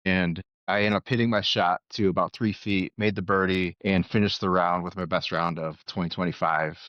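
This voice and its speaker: A man co-hosting a casual podcast, telling stories in an animated way over a dull, dry remote mic. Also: deep voice, normal speed, no room sound. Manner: storytelling, animated. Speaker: podcast co-host. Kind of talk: casual chat.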